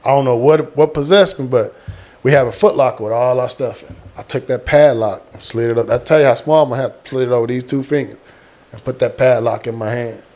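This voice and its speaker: A middle-aged man from small-town Texas, a military veteran appearing as a guest, casually tells personal stories in a mid-range, brisk voice. He retells them with animation, acting out the quotes and repeating words for punch.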